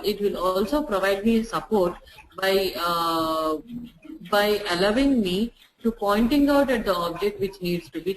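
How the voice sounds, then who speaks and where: A software testing instructor walks through a screen-share tutorial, repeating each step slowly so it is clear. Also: medium pitch, a little hiss or hum, low-quality recording. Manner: repeats phrases slowly for clarity.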